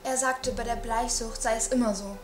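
A woman's voice: a little high, fairly even intonation, normal speed, roomy sound, faint music behind, close to an everyday voice. A young woman playing an anxious, insistent mother. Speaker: amateur actor. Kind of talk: amateur film drama.

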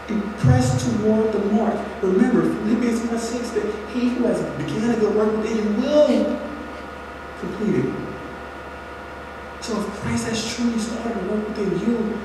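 A young man preaching a sermon from a pulpit, earnest and direct, repeating phrases for emphasis. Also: high-pitched. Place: large church sanctuary. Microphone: pulpit mic, filmed from far back in the pews. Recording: echoey hall from far off, audible noise.

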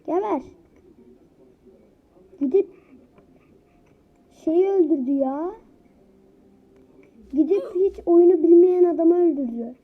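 A high-pitched woman narrating her game in an unhurried, drawn-out way, excitable and teasing as she plays. Her voice comes through a dull, lo-fi home recording. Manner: excitable, teasing, laughs often. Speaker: gaming YouTuber. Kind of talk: casual let's-play commentary.

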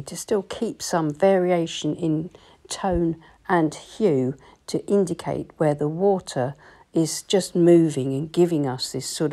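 A woman, calmly explaining each step of a watercolour painting tutorial in voice-over. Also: sits low. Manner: calm, explanatory, gently instructive. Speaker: watercolour teacher.

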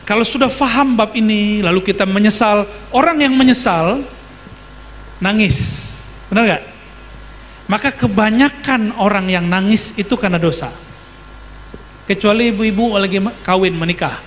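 A man's voice: high voice, normal speed, long pauses, a bit bright, big-room sound, slight background noise. A man preaching a sermon in a conversational way, often putting questions to his audience.

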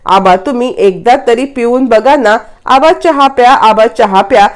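A woman's voice: fairly high pitch, a little slow, natural voice. A woman narrator voicing an eager, fawning young daughter-in-law coaxing an elder.

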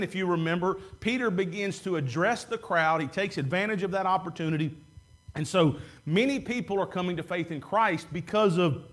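A man's voice: sits high, a bit bright. Man preaching in a church. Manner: conversational preaching, stretches words for emphasis. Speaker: pastor. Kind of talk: sermon. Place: church sanctuary. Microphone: far camera at back of room.

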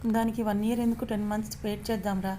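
A woman storyteller voicing a teasing, gruff young husband in an audio story. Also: medium pitch, flat delivery, rapid-fire, mellow, a little hiss or hum, close to an everyday voice. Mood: teasing scold. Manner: scolding, teasing.

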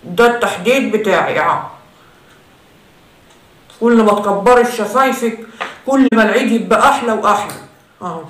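A woman's voice: mid-range voice, a little fast, long pauses, recorded from a distance, close to an everyday voice. A woman with an Egyptian accent playing a vain teenage girl who gives a mock makeup tutorial in a chatty, teasing way. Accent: Egyptian Arabic. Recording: roomy echo, voice from off-mic.

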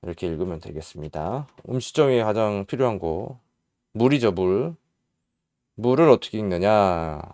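A man teaching English spelling in Korean, slowly spelling out letters and repeating each sound patiently. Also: on the low side, expressive, darkish tone, dry recording, clean studio sound. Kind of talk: casual spelling lesson.

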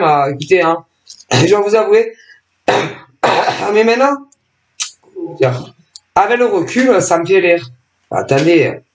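A woman's voice: fairly low pitch, slight background noise. A woman hosting a tarot channel, talking to her subscribers in a rambling, sarcastic monologue full of fillers and interrupted by coughs from her allergies. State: coughing, throat irritation from allergies. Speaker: tarot and oracle channel host. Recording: echoey room.

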